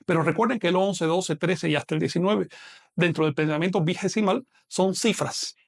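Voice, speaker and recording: Gravelly man teaching a math lesson. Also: high voice, normal speed. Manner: patient, explains step by step, asks questions and answers them. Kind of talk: live online lesson.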